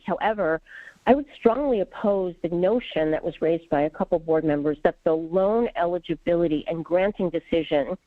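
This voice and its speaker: A woman with a fairly low voice phones in to a public meeting, giving an earnest, formal comment to the board. The line is clipped, tinny and dry, with no echo.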